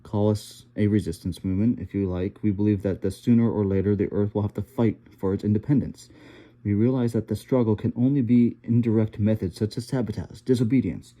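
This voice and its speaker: An elderly blind rebel leader from Wales speaks softly and evenly in an audiobook reading, as a man voices him. His lilting manner stays businesslike and unhurried. The voice sits a little low and sounds deep and very mellow. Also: steady tone, natural voice. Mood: calm persuasion. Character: elderly blind Welsh rebel leader, calm, soft-spoken.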